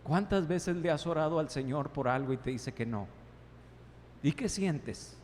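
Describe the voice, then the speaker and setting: A man's voice: a little high, lively intonation, unhurried, darkish tone, a little hiss or hum. A male pastor preaching an impassioned sermon, asking many rhetorical questions and voicing God's replies. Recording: long reverb in a large hall, faint ambience.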